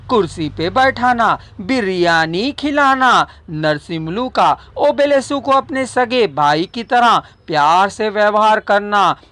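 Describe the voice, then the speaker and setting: A man narrating a short story in a measured, deliberate audiobook style, recorded close on a studio mic. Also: high voice, fairly bright tone, no room sound.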